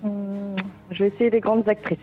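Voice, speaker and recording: A woman's voice: medium pitch, little pitch movement, normal speed, phone-quality sound. A woman, a quiz contestant calling in to a radio show and answering casually, with music behind her.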